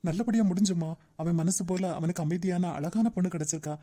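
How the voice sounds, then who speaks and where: A woman voicing a friendly, easygoing young man in a cartoon, a polite son talking in a relaxed way. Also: fairly low pitch, quick pace, lightly acted.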